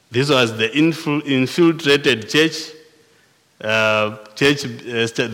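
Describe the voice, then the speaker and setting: A man with a Zimbabwean accent preaching a sermon, slow and deliberate, often restarting and repeating words as he goes. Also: medium pitch, pushed and bright, long reverb tail. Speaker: pastor.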